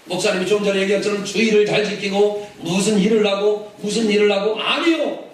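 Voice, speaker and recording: A man preaching a lively sermon, leading the congregation in call-and-response and shouting for emphasis. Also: sits high, fairly quick. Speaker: pastor. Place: large church hall. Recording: echoey hall, mic from a distance, noisy.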